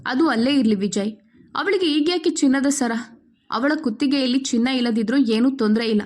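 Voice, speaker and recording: A woman's voice: sits high, normal speed, a little mellow. A woman voicing a scheming middle-aged mother-in-law who scolds in a harsh, cold tone.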